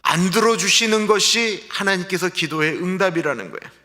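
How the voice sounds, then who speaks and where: A man's voice: sits high, fairly quick, bright, forceful tone. A male pastor giving an early-morning sermon in a conversational way, asking the congregation rhetorical questions. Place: church sanctuary. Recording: livestream in a reverberant church hall.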